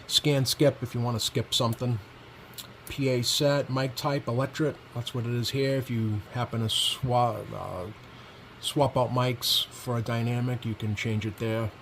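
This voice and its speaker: A product reviewer, a man with a medium-pitched voice, speaks a little slowly during a casual hands-on product demo. He's informal and hesitant, thinking aloud as he handles the controls. The recording is clear, with steady background noise.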